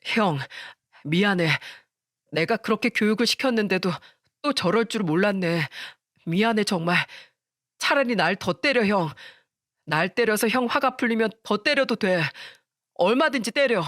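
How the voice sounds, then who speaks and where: A young man begging his brother's forgiveness, earnest and apologetic, as a woman narrator plays him. His lively voice lifts when he pleads. The sound is dry and close-miked. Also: medium pitch, normal speed, no room sound, close to an everyday voice. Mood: pleading. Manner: apologetic, pleading, then exasperated.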